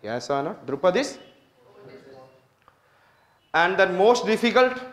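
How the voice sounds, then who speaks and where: A man's voice: high voice, sing-song, extremely slow, fairly bright tone, echoey room. A man with an Indian accent giving a classroom lecture, switching between English and Hindi and constantly quizzing his students with repeated questions. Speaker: teacher.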